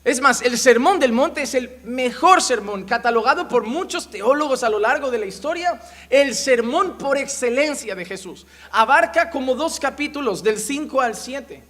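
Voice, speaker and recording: Male pastor with a very high voice, preaching emphatically and repeating his points. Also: lively intonation, moderate pace, a bit bright. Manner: emphatic preaching with rhetorical questions and repeated phrases. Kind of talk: sermon.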